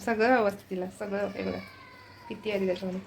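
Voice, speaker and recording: Talking fast with a creaky, steady medium-pitched voice, a woman films a family home vlog on a handheld phone as she moves through the house. She keeps her chat casual and her viewers focused on what she's doing, with slight noise in the background.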